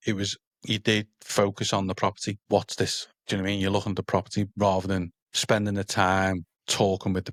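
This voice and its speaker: Male podcast host: low voice, chatty, keeps checking in with his guest, dry close sound. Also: no room sound. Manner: conversational, often checks in with listeners. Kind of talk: podcast interview conversation.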